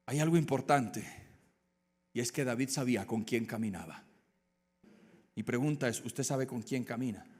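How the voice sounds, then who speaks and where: A man preaching a dramatic sermon that swings from loud, urgent passages to hushed ones. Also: mid-range voice, normal speed, long pauses. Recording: echoey hall.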